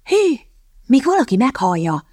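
A woman reading the lines of a sharp-witted, impatient young woman in an audiobook, speaking in a pointed, indignant way. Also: on the low side, lively intonation, no echo, clean studio sound, lightly acted. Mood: exasperated.

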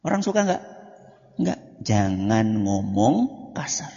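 A man preaching at a religious study lesson, lively, asking his listeners questions and answering them himself. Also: on the low side, takes it slowly. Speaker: Islamic preacher. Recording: lo-fi recording with long reverb.

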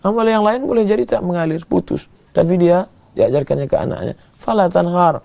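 A man preaching a sermon, moving between slow drawn-out chanting of verses and quick, emphatic scolding. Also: sits high, dark tone. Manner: gravelly voice. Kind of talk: sermon with Quran recitation.

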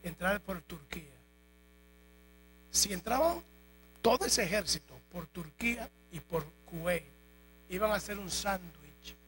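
A man preaching a sermon in a church, telling jokes and stories in a lively way. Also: high-pitched, unhurried, pauses often, poor audio. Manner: animated, joking storytelling. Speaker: pastor. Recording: faint mains hum.

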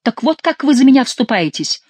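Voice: animated, a little fast, no echo, natural voice. A reader voicing a hysterical king, a man who wails and rants in an overwrought way. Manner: wailing, shrill, overwrought. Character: hysterical King, middle-aged man, excitable.

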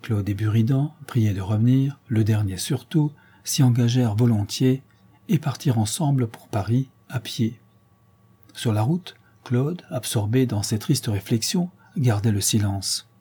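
A man reading a 19th-century novella aloud as an audiobook narrator, with measured, expressive storytelling. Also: medium pitch, husky.

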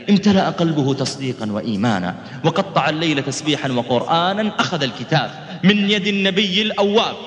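A man preaching and telling a story in a dramatic, rhythmic style with sweeping swings in pitch. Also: fairly bright tone. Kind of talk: sermon storytelling. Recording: reverberant hall.

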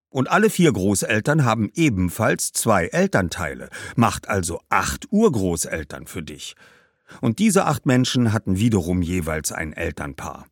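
Guy reading a kids story, super lively, dry close sound. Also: lowish voice, no echo. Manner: lively, expressive, explaining. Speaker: narrator. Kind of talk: storybook narration for children.

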